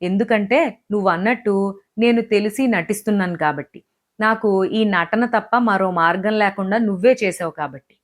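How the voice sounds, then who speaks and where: A frustrated young husband, heated and reproachful, pleading and bitter by turns, as a woman storyteller reads him. The storybook voice keeps close to the reader's own middle pitch. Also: normal speed, lightly acted. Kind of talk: audiobook character voice.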